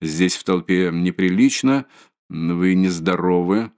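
A kindly official of about fifty, formal and soothing , as a male narrator reads him. His voice is low and steady, close to the reader's own. He is heard in an audiobook reading. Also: slow.

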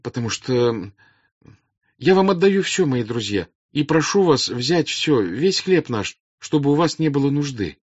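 A man voicing an anxious but earnest young noblewoman pleading with a crowd, in a raised, high, urgent voice, read as an audiobook character. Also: very animated, a little slow, slightly rough, no echo, muffled recording.

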